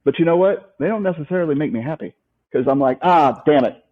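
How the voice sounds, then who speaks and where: Quick and lively in intonation, his voice sits fairly high. The man is a life coach guest in an interview, speaking over a tinny, phone-like line, motivational and emphatic, with repeated key points and rhetorical questions.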